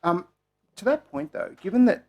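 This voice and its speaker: Australian guy asking questions at a hearing, gravelly, lots of ums. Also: extremely high pitch, animated, warm tone, highs cut off. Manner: halting, many ums, polite. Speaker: committee member questioning a witness. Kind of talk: formal parliamentary questioning.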